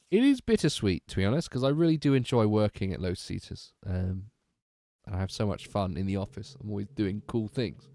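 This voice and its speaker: A man's voice: sits low, dark tone, no room sound, studio quality. A sleepy young man chatting casually on a livestream, rambling and trailing off as he talks. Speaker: streamer.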